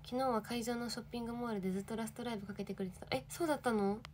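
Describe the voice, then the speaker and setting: A woman's voice: on the high side, fairly even intonation, racing, a little mellow, slight background noise. A young woman in her twenties, an idol livestreaming, chatting casually and reading viewer comments with giggly, bubbly energy.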